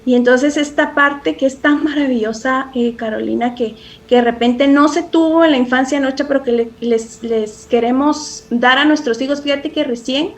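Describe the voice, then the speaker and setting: A woman's voice: sits high, moderate pace, few pauses. A woman speaking as a parenting expert in a podcast interview, earnest and reflective, often restarting phrases and adding tag questions.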